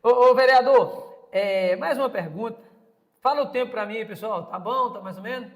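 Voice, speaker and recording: A man's voice: high-pitched, normal speed, long reverb tail. A Brazilian man in his fifties hosting a casual interview, opinionated and often repeating words as he searches for them. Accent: Brazilian Portuguese. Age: 50s. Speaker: podcast host and interviewer.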